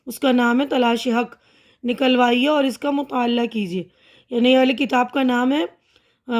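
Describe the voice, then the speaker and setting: A woman teacher patiently going through a textbook chapter, repeating and explaining each term and mixing in English words. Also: sits high.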